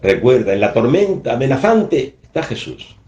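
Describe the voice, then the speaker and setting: A man's voice: mid-range voice, sing-song, normal speed, mellow. A man, preaching an earnest, emphatic radio sermon and acting out scripture quotes. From Spain. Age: 70s. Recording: echoey, dull lo-fi radio broadcast.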